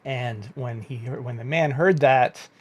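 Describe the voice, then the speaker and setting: Man, rabbi telling a story, casual asides, mid-pitched voice. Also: unhurried. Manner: conversational, with fillers and asides; lively when voicing the story's characters. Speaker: rabbi and meditation teacher.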